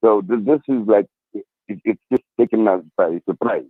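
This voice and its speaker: Over a tinny, narrow-band phone line, a man with a husky, low-leaning voice speaks earnestly at normal speed as an interview guest representing his local community. He often repeats his words and phrases, with no room sound.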